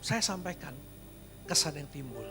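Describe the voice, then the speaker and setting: A male pastor preaching a sermon at a church service. He tells personal stories, then builds to loud, emphatic exhortation, slipping English phrases into his preaching. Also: on the high side, sing-song, moderate pace, over music.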